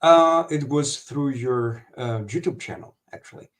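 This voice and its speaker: Halting man on a video call. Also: mid-range voice. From Honduras. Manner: halting, many fillers and restarts. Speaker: guest. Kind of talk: live stream interview over video call.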